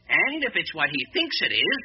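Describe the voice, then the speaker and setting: An actor playing a cocky young newspaper reporter who talks boldly and boastfully, in 1940s radio acting. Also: male voice, a little high, huge pitch swings, a little hiss or hum. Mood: brash. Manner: quick, bold, boastful. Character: brash young male reporter, cocky and talkative. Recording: dull old radio broadcast.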